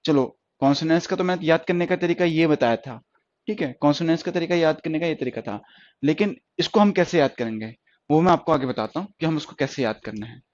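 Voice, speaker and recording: A man's voice: fairly high pitch, fairly quick, a little mellow, no echo. A man teaching stenography, speaking in a slightly raised voice. He drags each vowel sound out long so his students can hear and repeat it, and he keeps stopping to check that they are following. The recording is dry and dull, with a lo-fi sound. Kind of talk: classroom lecture on vowel sounds.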